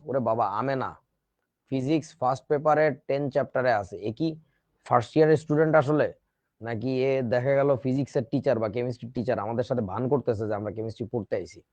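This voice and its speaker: A man's voice: mid-range voice, fairly even intonation, fast, a little mellow, no room sound. A man teaching a chemistry class in a casual, joking way, with speech. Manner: chatty, joking asides to students. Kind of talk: casual online class lecture.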